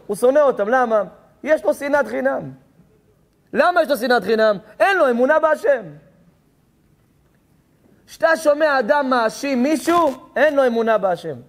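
A rabbi delivering a sermon, telling stories with passion, acting out dialogue and rising to shouts at times. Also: male voice, very high voice.

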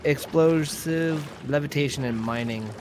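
A man playing along as a guest, narrating his finds with excitement in casual chat. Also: a little high, a little slow, a little hiss or hum. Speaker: guest player. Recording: faint music behind.

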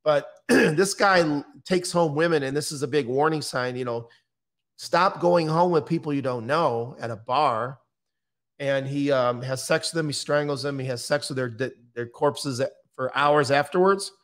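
Speaking at a normal speed, a middle-aged American man talks bluntly and plainly in a slightly high, fairly bright voice. He is a podcast guest, a true-crime interviewer and writer, chatting in an interview over a video call. He's indoors, with his mic mounted on a boom arm.

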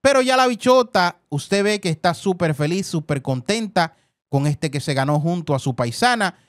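A man's voice: sits high, lively intonation, normal speed, no room sound, clean studio sound. A man hosting celebrity news, talking effusively over clips, repeating words and calling his viewers family. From Dominican Republic. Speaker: entertainment news host.

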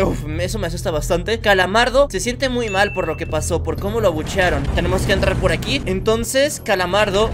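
A man's voice: sits high, background noise. A young man with a Mexican accent, a gaming YouTuber, narrating a horror game and jumping into frantic screams. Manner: jumpy, breaks into frantic screams. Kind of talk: horror game let's play commentary. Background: faint game music.

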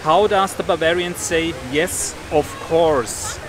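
A man's voice: fairly high pitch, steady tone, slow. A man, a co-host quizzing tourists outdoors in a playful, jokey way. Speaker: co-host and quiz master. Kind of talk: street interviews, casual quiz. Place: busy city square outdoors. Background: loud crowd.

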